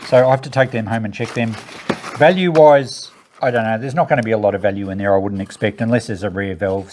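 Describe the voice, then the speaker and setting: An e-waste recycler and reseller hosts a casual unboxing video, sorting through items and thinking aloud in a matter-of-fact way. His voice is medium-pitched and a little mellow. Noticeable background noise and clicks run through the recording.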